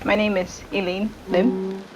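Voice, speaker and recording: A woman's voice: medium pitch, level tone, measured pace, darkish tone, slight background noise, poor audio. Earnest woman. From Singapore. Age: late 20s. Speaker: speaker giving a personal account. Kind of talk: personal testimony to camera.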